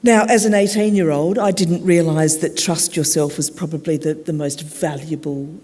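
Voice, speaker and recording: A woman's voice: sits low, fairly even intonation, mellow, breathy edge. Australian woman telling her story in a hall. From South Australia. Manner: reflective, measured, with dramatic pauses. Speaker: keynote speaker. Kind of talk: personal storytelling talk. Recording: echoey hall.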